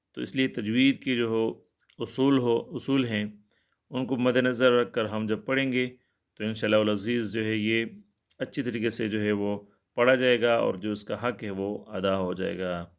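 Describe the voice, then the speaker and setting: A man's voice: lowish voice, clean tone. A man teaching Quran recitation, explaining common mistakes plainly and repeating himself. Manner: plain, explanatory and repetitive, with filler pauses.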